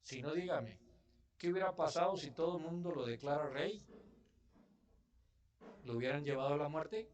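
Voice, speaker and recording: A man's voice: fairly high pitch, lively intonation, normal speed, long pauses. Mexican pastor preaching to his church. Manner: conversational preaching, asks the congregation questions. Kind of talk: sermon.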